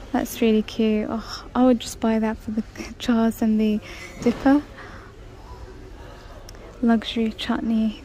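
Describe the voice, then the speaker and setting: Filming on a handheld phone camera, a woman vlogs a walk-through of a large indoor discount store, chatting casually about items and reading out prices. Her voice is a little high and warm, and the low-quality recording carries some hiss or hum.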